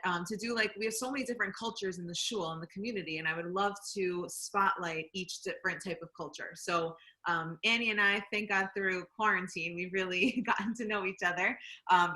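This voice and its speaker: A woman's voice: lowish voice, steady tone, brisk, bright, forceful tone, poor audio. A young woman hosting a community baking program over a video call, chatty and laughing easily. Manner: chatty and laughing, with many fillers.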